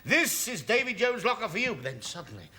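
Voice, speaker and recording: Blustering, high-voiced English husband. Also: male voice, very animated, quick pace, sharp tone, exaggerated voice. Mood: boastful, dramatic. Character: bumbling, boastful, defensive husband playing old sea dog. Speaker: lead sitcom actor. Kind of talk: British sitcom acting. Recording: noisy old television sitcom soundtrack.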